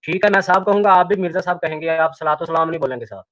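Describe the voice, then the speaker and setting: A man's voice: fairly high pitch, very fast, a bit bright, a little hiss or hum, poor audio. A man arguing as a guest in a heated live-stream debate, insistent and pressing his questions again and again. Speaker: debate guest challenging the hosts.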